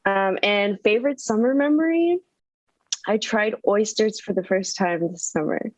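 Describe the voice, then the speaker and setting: A woman's voice: medium pitch, a little slow, dry recording, low-quality recording. A young woman from Northern California introducing herself as a student panelist, casual and friendly with frequent ums.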